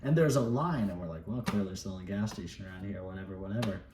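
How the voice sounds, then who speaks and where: A man's voice: deep voice, quick pace, crowd noise. A man co-hosting a vlog, telling a story casually with laid-back, dry asides. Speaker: vlog co-host. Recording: echoey room, distant mic, faint hiss.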